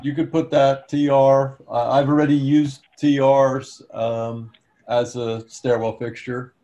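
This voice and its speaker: A man's voice: medium pitch, flat delivery, slow, warm tone, dull audio. A man with a New Jersey accent, chatting as an attendee in a webinar question session. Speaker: audience member, sales representative. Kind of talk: webinar question-and-answer chat. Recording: noisy remote call with clicks.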